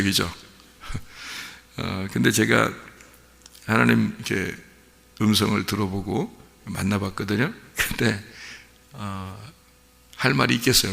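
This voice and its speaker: Male pastor, deep gravelly voice, chatty sermon full of questions, long church-hall reverb. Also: fairly even intonation, a little slow, pauses often, bright, forceful tone. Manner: conversational, keeps asking the congregation questions. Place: church sanctuary.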